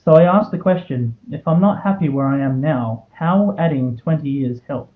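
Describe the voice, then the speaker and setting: Young Australian man giving an earnest speech, slightly high-voiced. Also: moderate pace, phone-quality sound. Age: 20s. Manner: earnest, storytelling, rhetorical questions. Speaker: student award recipient giving a speech. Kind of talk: prepared motivational personal speech. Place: live speech to an audience.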